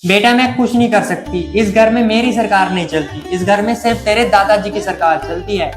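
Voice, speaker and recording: A woman's voice: medium pitch, brisk, music in the background, lightly acted. A woman playing a melodramatic mother and wife who wails and laments. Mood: resigned. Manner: dramatic wailing lament.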